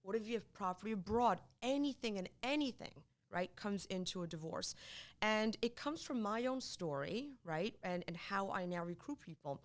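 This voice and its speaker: With a mid-range voice, a middle-aged divorce attorney from Poland, Polish by first language, answers questions in a conversational interview. When excitement takes hold she gets emphatic and says things twice.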